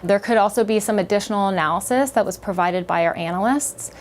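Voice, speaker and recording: A woman official answers interview questions in a conversational way, often pausing on "um." Her pitch is middling, with faint noise behind her. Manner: conversational, with frequent "um"s. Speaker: child-protection agency official.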